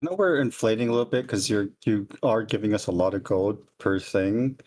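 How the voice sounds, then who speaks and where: A man with a low-pitched voice playing in a tabletop game. He speaks bluntly, pushes back on the rules and swears casually. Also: brisk, a little mellow. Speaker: player.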